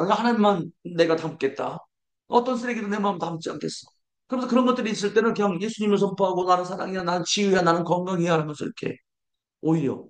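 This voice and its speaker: A man preaching a sermon as pastor, leading the congregation in declarations and asking rhetorical questions he answers himself. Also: high voice. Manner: declarative, leads congregation in call-and-response.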